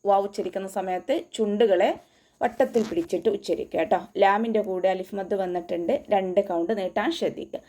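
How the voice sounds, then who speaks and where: A woman with a mellow, mid-range voice teaches an online recitation class, patiently explaining each sound step by step and chanting the recitation slowly.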